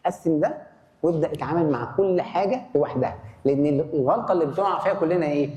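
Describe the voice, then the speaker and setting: A fast-talking man with an Egyptian Arabic accent gives a lively conference lecture, throwing questions at his audience. His voice sits a little high for a man. The recording has the long echo of a large hall, with faint noise underneath. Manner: animated, asks the audience questions and answers them. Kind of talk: conference talk.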